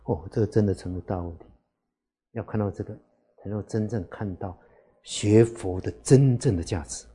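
A Buddhist monk gives an unhurried dharma talk to lay listeners, frequently posing rhetorical questions. His voice is fairly low-pitched with a dark tone.

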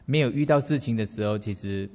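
A man giving a Buddhist dharma talk as a story, relaxed and unhurried, with many sentence-final particles. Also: on the low side. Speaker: Buddhist teacher. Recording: reverberant hall.

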